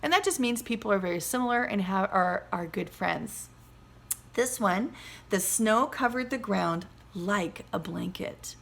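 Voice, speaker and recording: A second-grade teacher at home reads a picture book and teaches young children, using simple explanations. Her mid-range voice is a little slow, creaky and slightly scratchy, with a bit of brightness.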